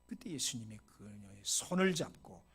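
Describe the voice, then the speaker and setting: A middle-aged male pastor preaching a sermon, telling the story dramatically and dropping to whispers before loud exclamations, with short English phrases mixed in. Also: on the low side, big pitch swings, normal speed.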